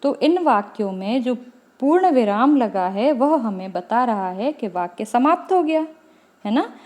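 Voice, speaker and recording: A woman teacher walks her students through a grammar lesson in a measured, patient way. She often stops to check that they are following. Her voice sits fairly high and she speaks slowly. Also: dark tone. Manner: explanatory, checks in with listeners, pauses deliberately between items.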